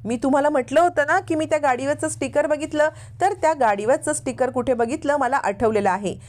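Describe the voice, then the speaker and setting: A woman's voice: sits high, brisk, a little mellow, pitched above the performer's own voice, close to an everyday voice. A woman voicing an eager, insistent young woman in a retold drama.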